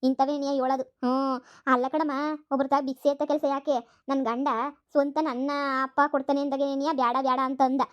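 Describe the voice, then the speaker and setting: A woman's voice: sits high, little pitch movement, brisk, highs cut off, natural voice. A woman voicing a young village wife and daughter in a cartoon comedy. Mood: scolding.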